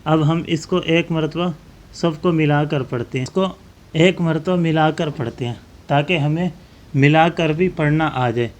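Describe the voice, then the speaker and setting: A man teaching Quran recitation, chanting verses slowly and then explaining tajweed rules briskly. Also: a little high. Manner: alternates slow drawn-out recitation with brisk explanation.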